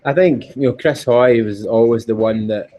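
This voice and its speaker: This Scottish man, a guest on a casual interview, speaks with a warm, mid-range voice at a moderate pace. An endurance cyclist, he talks earnestly and informally, repeating himself often, and the call audio sounds dull and lo-fi.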